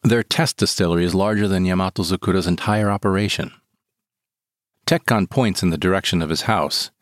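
Deep-voiced man narrating calmly. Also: no room sound, studio quality. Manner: calm, measured storytelling in present tense. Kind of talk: scripted first-person narration. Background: guitar music.

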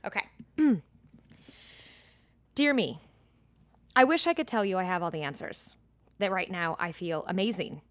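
A woman in her thirties co-hosts a podcast, talking candidly and reading a personal letter aloud, often stopping and restarting. Her voice is lowish and a bit bright, with no echo.

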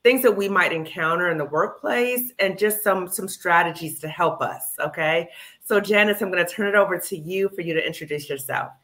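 A woman in her fifties with a bright, forward voice hosts a casual podcast conversation. She talks in a chatty, animated way, full of ums and quick asides. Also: on the low side. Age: 50s. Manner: chatty, animated, with many fillers. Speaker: clinical psychologist, podcast host.

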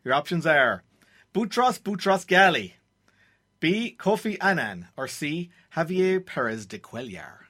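Irish male radio quiz host, higher-pitched, animated delivery. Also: a little slow. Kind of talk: radio trivia quiz presenting. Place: radio studio.

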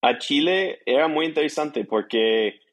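This interview guest is a startup founder from the United States, around thirty, whose first language is English. He recounts his experience informally in non-native Spanish with minor grammatical errors, in a male voice that sits on the high side, with lively intonation and an unhurried pace.

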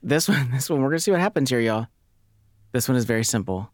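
A man's voice: mid-range voice, lively intonation, fast, dry recording, studio quality. Teasing man hosting a game. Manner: playful, teasing. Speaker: podcast co-host running a game. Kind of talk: casual chat.

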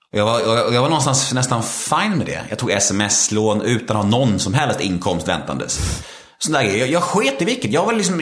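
A man's voice: on the low side, reverberant. A man in his thirties candidly telling his life story, with lots of restarts and fillers. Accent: Swedish. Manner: repetitive restarts, frequent filler "liksom". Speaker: podcast guest.

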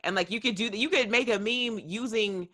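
A woman's voice: fairly high pitch, fairly quick, a bit bright. A woman in a casual podcast chat, talking in a chatty, emphatic way.

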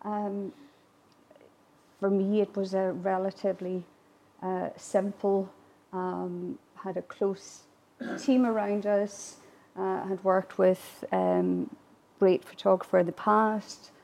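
Speaking slowly in a gravelly mid-range voice, this talkative interview guest manages a distillery attraction and grew up speaking Irish Gaelic first. Her conversational answers are warm and chatty, with laughs, frequent fillers, and restarts.

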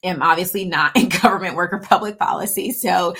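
Her voice is lowish, a bit bright, with a breathy edge, and she talks a little fast. A native English speaker in her thirties, she's a supply chain consultant guesting on an interview podcast, chatty and casual, frequently dropping "you know."

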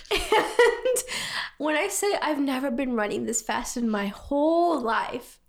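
Young woman, casual co-host, a bit high, bubbly rambling storyteller who laughs often. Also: slow, gravelly. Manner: animated, laughing, fillers of "like".

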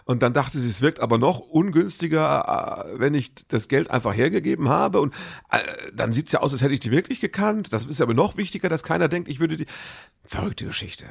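Comedian guy, gravelly and a bit raspy, chatting loosely and correcting himself a lot. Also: a little high, lively intonation, a little fast. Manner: rambling, self-correcting anecdotes. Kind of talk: casual monologue.

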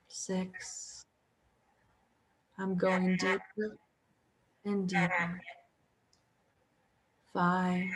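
A woman guiding a hypnosis session as a hypnotherapist, speaking softly and soothingly in repetitive phrases. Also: fairly low pitch, low-quality recording.

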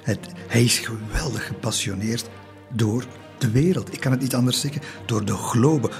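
A man recounts history in a relaxed, conversational way. He hesitates often, restarting phrases and adding tag questions. His voice is mid-pitched, with soft music faintly underneath. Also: moderate pace, vocal fry. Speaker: history storyteller. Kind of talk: casual spoken history narration.

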